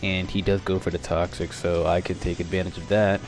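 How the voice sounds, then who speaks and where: A man's voice: sits low, level tone, darkish tone, soft background music. A teenage boy casually commenting on an online game battle, rambling and correcting himself, a bit out of breath. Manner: rambling, self-correcting, quick asides. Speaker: gaming YouTuber.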